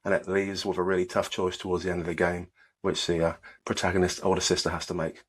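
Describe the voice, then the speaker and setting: Low husky-voiced man, co-hosting. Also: fast. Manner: rambling, relaxed game rundown. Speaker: podcast co-host. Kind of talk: casual chat.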